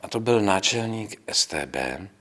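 In a deep, husky voice, an elderly priest tells his story with quiet conviction. It resembles an interview, and as he recalls the past he acts out the words of those he quotes.

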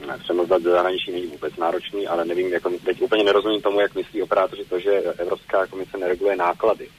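A man's voice: low voice, little pitch movement, slight background noise, low-quality recording. A man speaking as a telecom regulator in a news interview, explaining at length with many hesitations and fillers.

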